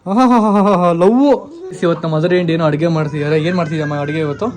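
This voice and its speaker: Fast, playful male family vlogger. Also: fairly high pitch, little pitch movement, a little mellow. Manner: playful, teasing, talks to camera viewers. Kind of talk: casual family vlog to camera. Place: family home.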